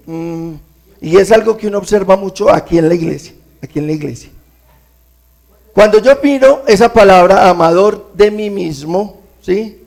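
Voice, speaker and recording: A man preaching, his voice somewhat high and gravelly. He talks to the congregation conversationally and keeps asking rhetorical questions to check they follow. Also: darkish tone. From Colombia. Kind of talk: sermon.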